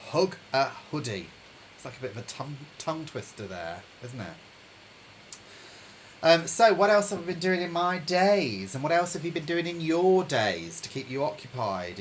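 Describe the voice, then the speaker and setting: A man hosting a live-streamed pub quiz from home, chatting with viewers and reading each question slowly, then repeating it. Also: medium pitch, fairly bright tone, a little hiss or hum, poor audio. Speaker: quiz host. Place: home during lockdown.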